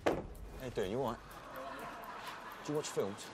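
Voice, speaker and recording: A man's voice: mid-range voice, normal speed, noisy background. A man with a London accent in matey, slangy, casual street patter. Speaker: presenter posing as a street seller.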